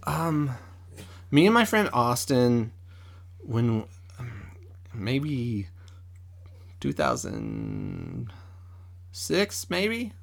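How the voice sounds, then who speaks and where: A man's voice: mid-range voice, huge pitch swings, drawn-out words, creaky, pauses often. A man co-hosting a casual podcast at home, telling a story with lots of hesitation, ums and restarts. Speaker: podcast co-host. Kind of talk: casual chat. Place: at a table at home.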